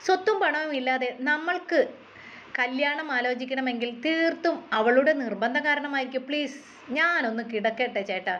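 A woman's voice: high-pitched, moderate pace, muffled recording, a little hiss or hum. Woman doing a sleepy reassuring young wife. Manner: gently reassuring.

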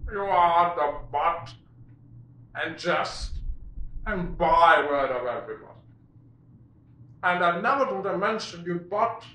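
A man in his twenties performing a classical comic stage monologue as a frank, mocking servant, theatrical and deliberate, with dramatic pauses. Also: on the high side, pushed and bright. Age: 20s. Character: frank, mocking male servant addressing his miserly master. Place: small bare room indoors. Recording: echoey room.

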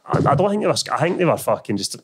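Scottish guy, glasgow street accent, talks fast, loads of slang and swearing, casual storytelling. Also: fairly high pitch, very animated, slightly rough. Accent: Glasgow area Scottish street accent. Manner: blunt, slangy, sweary, peppered with 'mate' and 'know what I mean'. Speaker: podcast guest. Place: small indoor podcast studio. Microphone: close studio microphone on a stand.

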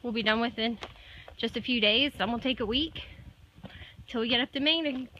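A woman's voice: a little high, normal speed, sharp tone, lo-fi sound, a little hiss or hum. A young woman vlogging a long hike on a forest trail, talking casually to a camera held at arm's length. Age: young adult. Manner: chatty, loose with fillers like "like" and "so". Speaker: thru-hiker vlogger. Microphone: handheld camera at arm's length.

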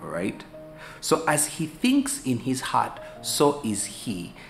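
A Ugandan pastor in his forties sits on a sofa in a small room, talking easily to the camera in a conversational teaching sermon, gesturing and repeating words as he thinks aloud. His mid-range voice is creaky and slow, with soft music behind it. The camera sits a few feet away in medium shot, and the room echoes with faint hiss.

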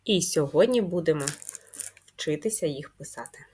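A primary school teacher with a deep, warm voice and lively intonation gives a first-grade handwriting lesson, spelling things out slowly and clearly. She is patient and drawn-out, asking questions and then answering them herself. There is slight background noise.

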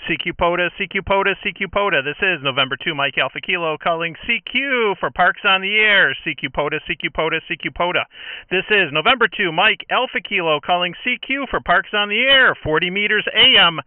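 A man's voice: high-pitched, brisk, no room sound. Man making a ham radio call over a tinny shortwave radio line. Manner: crisp phonetic call signs, repetitive calling. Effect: heard over shortwave radio. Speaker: park activator radio operator. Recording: tinny noisy radio-band audio.

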